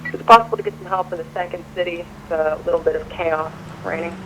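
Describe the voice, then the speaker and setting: A woman with a fairly low voice calls in over a police radio, quick and urgent. A noisy channel hisses under her words. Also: steady tone. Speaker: police officer in a roleplay.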